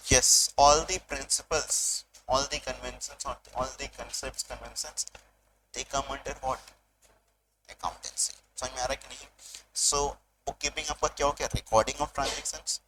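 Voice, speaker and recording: A male commerce teacher giving a revision lecture, mixing Hindi and English, asking questions and answering them himself, and reading out definitions slowly. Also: mid-range voice, steady tone, background noise. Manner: switches between Hindi and English mid-sentence. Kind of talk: online exam revision lecture.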